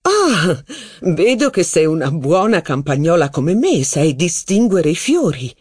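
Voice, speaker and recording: A reader voicing a confident aristocratic duchess who corrects others with ease. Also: female voice, lowish voice, very animated, unhurried, darkish tone, slightly rough, dry recording, clean studio sound, heavily acted. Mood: assured.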